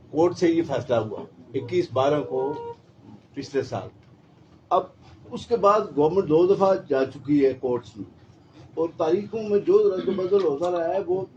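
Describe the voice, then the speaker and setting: A middle-aged man, a member of an election commission, explaining a timeline at a press conference in a measured way, often pausing with hesitations. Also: fairly high pitch, mellow. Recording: dull lo-fi audio with faint noise.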